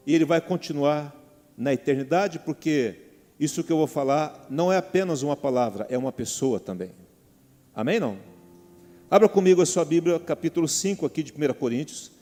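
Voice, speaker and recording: A middle-aged man with a Brazilian Portuguese accent preaching a sermon as pastor. He talks animatedly, calls out to the congregation and acts out quotes. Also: a little high. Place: large church hall. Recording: reverberant church hall with soft music.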